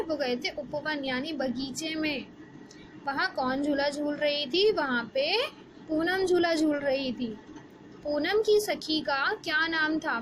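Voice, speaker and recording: A woman, teaching a Hindi lesson to young children and asking the class questions as she explains slowly. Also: high-pitched. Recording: background noise.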